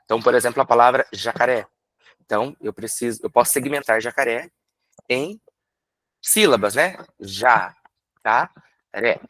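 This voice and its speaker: A man's voice: medium pitch, a bit bright, dry recording. Man teaching, dry close sound. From Brazil. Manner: explanatory, rhetorical questions, drawn-out syllable demonstrations. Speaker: literacy teacher and lecturer. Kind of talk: recorded workshop lecture.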